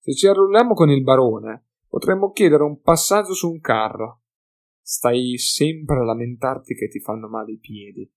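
A man's voice: mid-range voice, lively intonation, normal speed. A man reading an audiobook, voicing a wry young male adventurer who talks persuasively and with mild exasperation.

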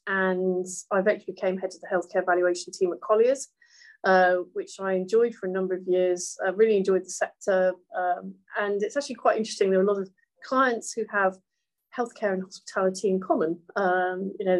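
In poor audio, a middle-aged hotel valuation executive who grew up in Hong Kong talks as a guest in a relaxed interview. Her mid-range voice moves a little fast with fairly even intonation, and she's thoughtful, filling pauses with many ums and uhs.

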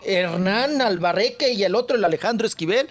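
A man's voice: high-pitched, animated, a little fast. A man with a Mexican accent who is a regular on a radio show, telling gossip in a flamboyant, teasing way. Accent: Mexican Spanish. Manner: flamboyant and teasing, calls others "chiquito". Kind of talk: comic gossip chat on radio.

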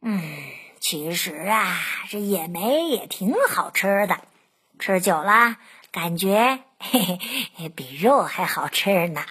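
Lady putting on a grumbly storybook fox guy, lower voice, sighs a lot, stammers. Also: animated, slow, a bit bright, slightly rough, exaggerated voice. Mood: musing. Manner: stammering, sighing. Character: hungry male fox, bumbling and soft-hearted.

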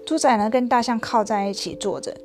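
Animated woman reading a picture book aloud. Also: a little high, brisk, faint music behind. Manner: animated, playful narration with sound effects. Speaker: storyteller.

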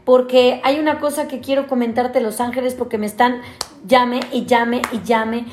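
A woman with a Mexican accent hosting a live chat show, gushing and effusive, quick to laugh. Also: a little high, steady tone, a little mellow. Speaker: host.

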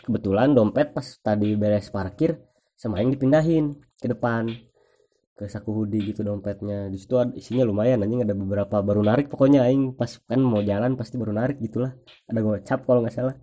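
A man's voice: fairly low pitch, a little fast. A young man with a Sundanese accent, telling a personal anecdote in slangy, casual speech full of swearing. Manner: slangy, swears freely, animated retelling.

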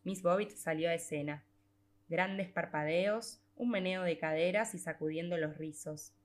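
A woman with a slightly low voice reads a literary short story aloud from a script. Like an audiobook storyteller, she keeps a measured pace and lets certain phrases stretch out.

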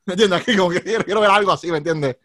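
A man's voice: sits high, very fast, fairly bright tone, no room sound. A man hosting a casual podcast, rambling and jokey, often asking if you follow him. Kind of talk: casual chat.

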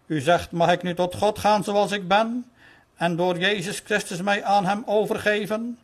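A man reading a sermon aloud in an earnest, pleading way, slowing down for quoted calls. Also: high voice, fairly even intonation.

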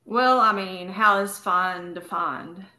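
A woman's voice: medium pitch, takes it slowly, bright, forceful tone, roomy sound. A woman from Appalachia, a yoga teacher guesting on a podcast, speaking hesitantly with lots of fillers and hedges. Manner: hesitant, hedging, many fillers. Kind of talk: casual podcast chat.

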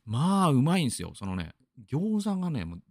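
A man's voice: fairly high pitch, wildly swooping pitch, normal speed, a little mellow, no echo, studio quality. A man from Aichi in Japan hosting a radio show, rambling through a casual monologue full of fillers and asides.

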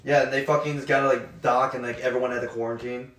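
A man's voice: medium pitch, little pitch movement, fast, a bit bright. A young man chatting casually, slangy and swearing. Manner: swearing, slangy "dude" talk. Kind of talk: casual chat. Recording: distant mic, roomy echo, background noise.

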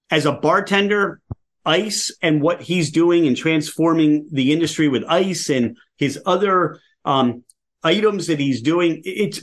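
An enthusiastic podcast host, a man with a Philadelphia accent. His voice sits a little high for a man, and he talks in an animated, eager way during a casual chat. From Philadelphia area, US.

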